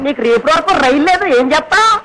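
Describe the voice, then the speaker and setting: A shrill, teasing old-film police constable. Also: male voice, animated, fast talker, low-quality recording. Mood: teasing, scolding. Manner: loud, teasing and scolding, full of rural wordplay. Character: nosy, joking male railway police constable. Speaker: comic railway police constable. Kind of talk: 1980s Telugu film comedy. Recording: old film soundtrack with loud crowd noise.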